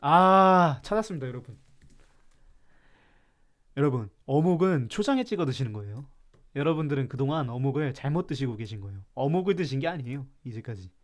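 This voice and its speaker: A man's voice: medium pitch, very animated, a little fast. Man from Chungcheong hosting a live stream. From Chungcheong, South Korea. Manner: playful mock-serious rant, reacting to chat. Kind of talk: casual live-stream chat.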